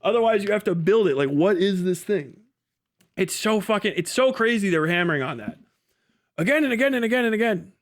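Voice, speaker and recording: Talking fairly quickly with lively intonation, a high-pitched man hosts a livestream. His unscripted commentary is emphatic, repetitive and argumentative, sprinkled with casual swearing.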